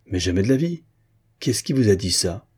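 A man reading the lines of a stiff aristocratic marquis who protests, with a low, husky voice. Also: big pitch swings, a little fast, a little mellow. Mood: indignant. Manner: pinched, protesting.

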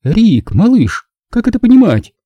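A man's voice: high voice, huge pitch swings, normal speed, dark tone, dry recording, highs cut off, pitched above the performer's own voice, heavily acted. A man voicing a furious, spiteful young woman who shrieks and spits insults.

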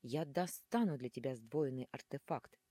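A woman's voice: very deep voice, moderate pace, mellow, slightly rough, no echo, studio quality. A woman doing a smitten horned demon suitor. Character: lovestruck horned male demon suitor, brash.

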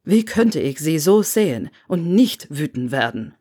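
A woman voicing a stern, cold male professor with a low, clipped, hissing delivery, in a storybook reading. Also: very animated, unhurried, mellow, no echo, clean studio sound, full character voice.

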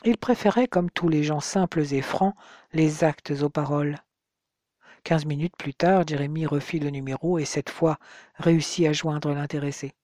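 An audiobook narrator calmly reading a novel on a close microphone. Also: medium pitch, moderate pace, dry recording.

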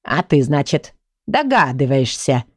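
A woman's voice: sits low, expressive, normal speed, darkish tone, dry recording, clean studio sound. A woman voicing a sarcastic, mocking male book of magic rules. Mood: snide. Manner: snide, mocking.

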